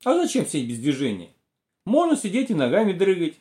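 A man's voice: high voice, huge pitch swings, a little fast, warm tone, pitched above the performer's own voice. A man voicing a picky, stubborn young boy in a storybook reading, whiny and argumentative. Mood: worried. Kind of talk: storybook character voice.

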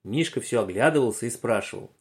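A man narrating a children's story aloud in an expressive, animated way. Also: medium pitch, fast talker, gravelly.

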